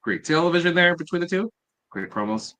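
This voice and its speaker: A man's voice: fairly high pitch, big pitch swings, a little fast, sharp tone. A man hosting a podcast, recapping events in a rambling, casual way full of "uh"s. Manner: rambling, filler-heavy, many "uh"s. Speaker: podcast host.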